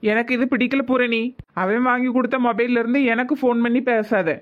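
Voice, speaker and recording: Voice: medium pitch, steady tone, brisk, muffled recording, close to an everyday voice. A voice actor playing a troubled young man torn between his love and his father, with a Tirunelveli Tamil accent, in a cartoon. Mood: tense. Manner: tense, pleading.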